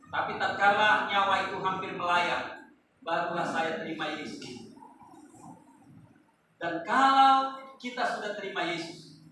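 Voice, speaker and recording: A pastor, a man, preaching a sermon to his congregation, swinging from loud rising calls to quiet asides. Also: sits high, unhurried, long pauses, a little hiss or hum. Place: large church hall. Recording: echoey hall, voice from far off.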